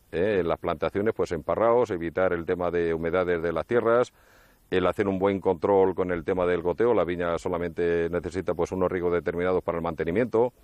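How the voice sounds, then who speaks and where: A man's voice: sits low, a little mellow, dry recording. A man from La Mancha, a winery owner, speaking casually in an interview with many fillers. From La Mancha, Spain.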